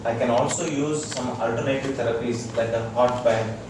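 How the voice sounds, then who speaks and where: Speaking at a moderate pace in a steady, mid-range voice, an Indian-accented doctor gives a casual integrative medicine talk to a handful of listeners in a room. He relies on brief, repeated phrases and checks for understanding. The sound is noisy and reverberant, captured from a distance.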